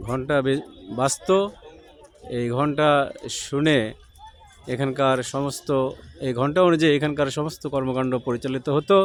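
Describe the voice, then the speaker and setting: A man vlogging on location, guiding viewers around a historic palace in short, measured phrases. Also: medium pitch, fairly even intonation. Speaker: travel vlogger. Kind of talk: on-location guided tour. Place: outdoors at a historic palace site.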